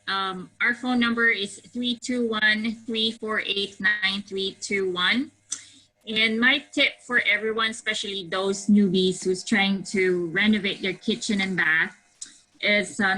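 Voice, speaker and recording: Bright-voiced earnest woman. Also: medium pitch, low-quality recording. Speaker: kitchen business owner. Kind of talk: brief panel introduction and advice.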